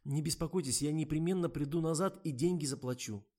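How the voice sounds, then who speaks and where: A man's voice: on the high side, brisk, darkish tone, pitched above the performer's own voice, natural voice. Man doing a flustered, polite young woman writer. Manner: polite, hesitant.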